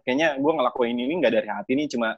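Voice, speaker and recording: A man's voice: medium pitch, fast talker, slightly rough, no echo, highs cut off. A man, a stand-up comedian, talking frankly and plainly in casual panel chat.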